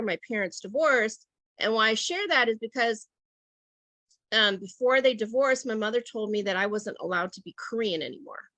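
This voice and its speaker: A woman's voice: mid-range voice, pushed and bright, no echo. A middle-aged woman leading an online teacher workshop over a video call, talking reflectively and checking in with "right?" and "okay?".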